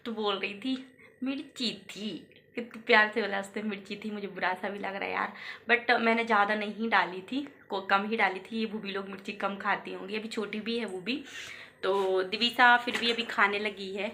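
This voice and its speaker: A woman's voice: mid-range voice, steady tone, normal speed, bright, forceful tone, a little hiss or hum. A woman in her thirties narrating her family day in a chatty, homely way. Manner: chatty, homely, talks to kids in a sing-song voice. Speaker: vlogger, homemaker. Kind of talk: casual vlog narration.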